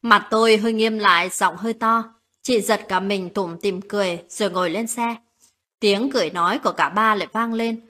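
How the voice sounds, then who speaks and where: A woman narrating a late-night romantic story in a calm, steady reading voice. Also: mid-range voice, normal speed.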